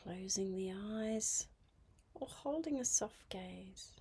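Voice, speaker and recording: Guiding a mindfulness session, this female meditation guide uses a medium-pitched, breathy near-whisper. Her delivery is gentle and full of long silences.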